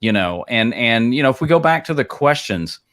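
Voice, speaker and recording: A man's voice: mid-range voice, animated, brisk, a bit bright. A man co-hosting a live streaming advice show, talking casually in a rambling way with many restarts and fillers. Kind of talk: casual chat.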